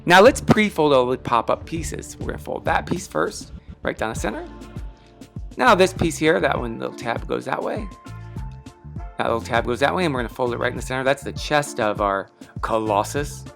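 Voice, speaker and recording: Man, casual craft tutorial host, chatty, upbeat, self-deprecating, slightly odd articulation, mid-pitched, music behind. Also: expressive, moderate pace, creaky. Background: background music.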